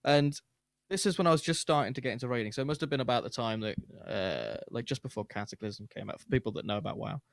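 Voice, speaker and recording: A man's voice: mid-range voice, lively intonation, fast, gravelly, no room sound. Laid-back man, dry close mic. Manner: rambling, laid-back, frequent fillers. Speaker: podcast host. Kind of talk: casual chat, storytelling.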